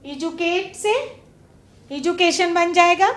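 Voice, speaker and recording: A woman with a very high voice leads a classroom lesson. She questions her pupils and lingers over each example word. The room around her echoes. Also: steady tone, fairly bright tone. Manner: slow, drawn-out stress on example words; asks pupils questions and waits. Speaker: teacher. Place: studio classroom.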